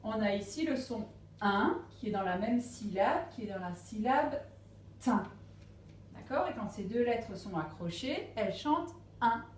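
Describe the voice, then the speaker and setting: A woman teaching a phonics lesson to young children at a distance, speaking slowly and patiently and stressing each syllable. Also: mid-range voice, lively intonation, echoey room, a little hiss or hum. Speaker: primary school teacher. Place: classroom with a board.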